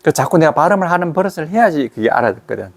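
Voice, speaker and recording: A man teaching English pronunciation, repeating example words slowly and drawn out. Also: fairly high pitch, sing-song, creaky. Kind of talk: explaining and demonstrating pronunciation.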